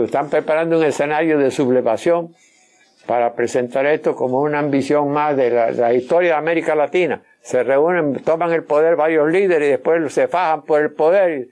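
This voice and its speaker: An older man, recalling past events in an interview and often halting to repeat and restart his words. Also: medium pitch, a little mellow. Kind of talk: personal recollection in an interview.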